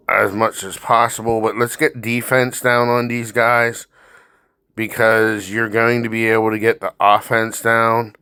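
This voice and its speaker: A man's voice: lowish voice, sharp tone, clean tone, dry recording, clean studio sound. A man giving casual, blunt, instructive commentary over his own gameplay as he walks through tactics. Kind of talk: casual mobile game walkthrough commentary.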